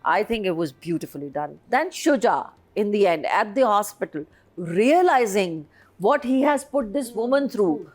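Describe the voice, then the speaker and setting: A woman in her fifties, reviewing a drama on a panel in an emphatic, heartfelt way. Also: mid-range voice. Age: 50s. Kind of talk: casual chat reviewing a drama.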